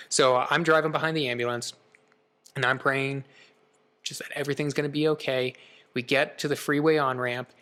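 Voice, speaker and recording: A podcast co-host in his thirties, this man has a bright, forward voice with a steady middle pitch. He tells his story in a lively, casual chat and keeps tossing in quick asides.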